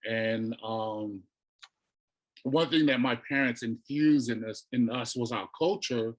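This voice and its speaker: A middle-aged man from Tonga, a guest telling his life story in a relaxed, reflective way, full of "you know" and restarts. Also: mid-range voice, slow pace, low-quality recording. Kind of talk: casual storytelling interview.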